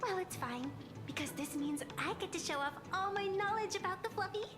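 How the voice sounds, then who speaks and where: An eager young girl from a game, her very high voice tumbling out in gushing, breathless bursts. She gets carried away and stammers out quick apologies, with loud game music rolling behind her. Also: roomy sound. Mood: proud. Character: excitable young female game character, eager fan. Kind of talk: game voice acting.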